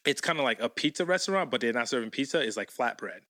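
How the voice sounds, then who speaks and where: American male guest, casual storyteller, bright tense tone, slangy with frequent restarts. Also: medium pitch, quick pace, no room sound, studio quality. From United States. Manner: animated, slangy, many restarts.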